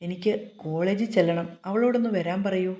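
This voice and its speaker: A woman's voice: lowish voice, moderate pace, dark tone, lightly acted. A woman voicing a short-tempered young man who scolds and gives curt orders. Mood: scolding. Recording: roomy echo.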